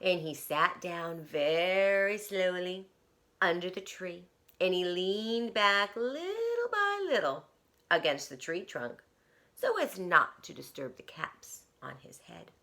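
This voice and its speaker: Like a teacher with a class of small children, she reads a picture book dramatically, whispering at moments and inviting responses through questions. Her voice is lowish and sing-song, and she takes her time.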